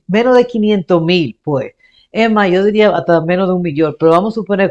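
A man with a fairly high voice hosts his own music reaction vlog. He chats loosely and keeps circling back to say the same thing again in other words. It is easygoing, unscripted talk straight to the viewer. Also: darkish tone. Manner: rambling, repeats and restates points. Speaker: music reaction channel host. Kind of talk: casual vlog commentary.

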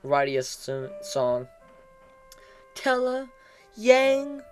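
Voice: sits high, very animated, very slow, clean tone. A let's play commentator in casual game commentary, crude and jokey, swearing often. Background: faint game music.

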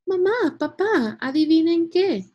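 A woman voicing an excited young boy in a storybook read-aloud, using a high, loud voice. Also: slow pace, dull audio, exaggerated voice.

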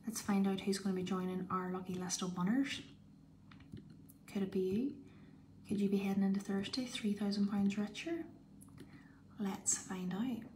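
A woman's voice: medium pitch, steady tone, normal speed, a little mellow. A woman hosting a live online prize draw, calling out numbers and winners in the manner of a bingo caller. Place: indoors, filming a tablet screen. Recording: clear background noise.

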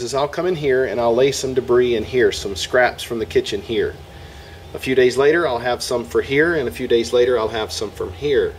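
Outdoors in a yard, a medium-pitched man hosts a homestead video and gives a casual hands-on demonstration. He walks through every step in a folksy way while working, and there's a little hiss or hum.

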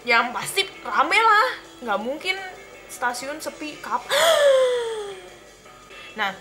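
High bright-voiced young woman rambling. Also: big pitch swings, measured pace, soft background music. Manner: rambling, self-interrupting, reacts loudly to the game. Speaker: gameplay commentator. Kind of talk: casual gameplay commentary and storytelling.

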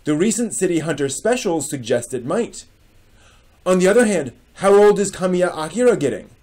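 A man in his forties hosts a dramatic reading with casual commentary from a small furnished room at home lined with bookshelves. His voice sits high and is a little mellow, expressive, and paced moderately. He speaks in an emphatic, theatrical manner.

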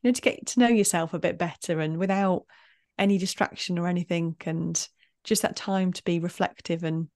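Woman podcast host, lowish voice, gentle and encouraging, lots of mm's. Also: fairly even intonation, a little fast. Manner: warmly encouraging, with soft affirming murmurs. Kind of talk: casual interview chat.

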